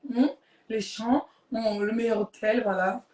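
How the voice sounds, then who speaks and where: Femme ivoirienne qui raconte avec verve. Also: female voice, on the high side, a little slow, recorded from a distance. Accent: Ivorian French. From Côte d'Ivoire. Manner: lively, mocking, acts out scenes. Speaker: gossip vlogger. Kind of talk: animated storytelling to her audience. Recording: echoey room, off-mic.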